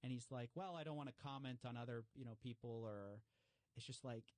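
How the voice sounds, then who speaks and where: A man talking casually as an interview guest. He explains fraud cases with lots of fillers and restarts, and he jumps higher when he acts out what other people said. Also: fairly quick, dry recording. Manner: animated, acts out quoted remarks with raised pitch. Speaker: guest commentator on fraud stories.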